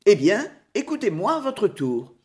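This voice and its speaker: A woman's voice: medium pitch, sing-song, a little slow, darkish tone. A woman voicing a boastful young stranger in the forest who speaks in a defiant, mocking way.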